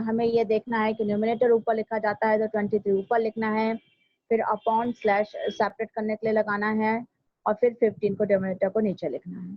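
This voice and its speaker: A fairly high-voiced woman teaching a recorded maths class, patient and methodical, going through each step and repeating it slowly. The sound is dry and a little dull, like a lo-fi home recording. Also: no room sound. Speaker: school teacher. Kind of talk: recorded online maths lesson.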